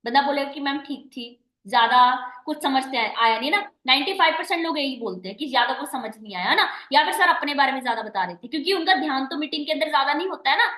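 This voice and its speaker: Brief: female team manager leading a training call; bright, forceful delivery, roomy sound. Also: high-pitched, animated, rapid-fire, hardly any pauses. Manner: coaching, repeats "ठीक है" and "है ना" often; addresses listeners as dear and guys. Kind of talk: recorded training meeting. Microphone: online meeting recording.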